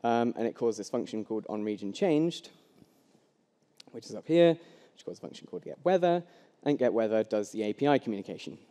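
A young man with a mid-range, dark-toned voice speaks animatedly and a little fast, giving a casual live coding talk at a meetup full of ums and restarts. He's a conference speaker on a headset mic, and the recording echoes through a large hall with long reverb.

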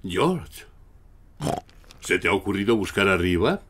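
A man voicing a kindly, playful father pig in a children's cartoon, with a Castilian Spanish accent and a gently teasing manner. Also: deep voice, sing-song, measured pace, noisy background. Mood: helpful.

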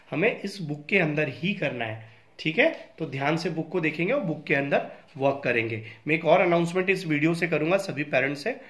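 A man's voice: on the high side, fairly bright tone. A male school teacher giving a recorded lesson, mixing Hindi and English and spelling words out letter by letter. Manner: reads book lines slowly and clearly. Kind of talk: recorded online class lesson.

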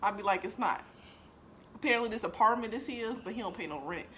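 A young woman chatting playfully with her best friend at home, telling stories with animated, expressive delivery. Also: on the high side, rapid-fire, slight background noise. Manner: chatty, playful, lively storytelling. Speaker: vlogger. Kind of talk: casual chat. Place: apartment.

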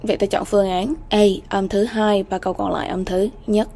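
Woman, English exam-prep teacher, warm mellow tone, repeats words slowly, checks in with students. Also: mid-range voice, steady tone, gravelly. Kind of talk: exam-prep lesson walkthrough.

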